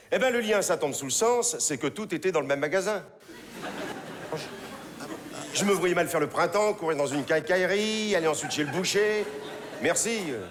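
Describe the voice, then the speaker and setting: A teasing, mischievous old vagabond father, played by an older man on stage, proud of his petty thefts. His voice sits fairly high and swoops with lively inflection. It is heard in a reverberant theater hall with faint ambience behind it. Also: slight background noise, lightly acted. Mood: playful. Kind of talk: stage play acting.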